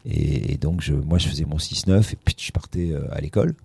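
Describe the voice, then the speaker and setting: A middle-aged man with a low voice tells career stories in relaxed interview chat. He keeps restarting his sentences. The recording is dry and close, with no room sound. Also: a little fast, creaky, breathy edge, no room sound. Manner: anecdotal storytelling with many restarts. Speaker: radio host recalling his career.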